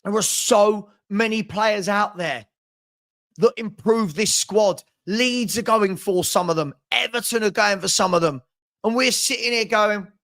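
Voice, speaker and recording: A man's voice: high-pitched, fairly bright tone. A man in full angry rant as a fan-channel host. He sounds exasperated and emphatic, hammering phrases by repeating them, and slips into sarcastic mimicry of those he disagrees with.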